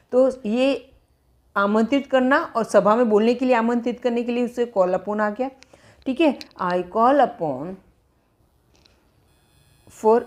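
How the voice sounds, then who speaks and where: A woman's voice: a little high, a little mellow. A woman teaching English phrasal verbs, repeating and dictating example sentences as she explains.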